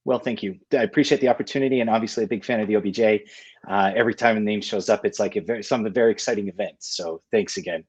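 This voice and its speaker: A man from Western Canada, an entrepreneur guest in an interview, relaxed and upbeat, with many 'you know' fillers. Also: lowish voice, very fast, slightly rough, no room sound. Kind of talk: interview conversation.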